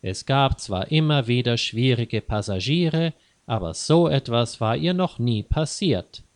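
A man narrating a scripted story slowly and carefully, clearly spaced, for language learners. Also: medium pitch, lively intonation, dry recording.

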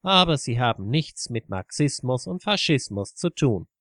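A man voicing a skeptical atheist man who answers with sharp retorts. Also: mid-range voice, very animated, normal speed, no echo, studio quality.

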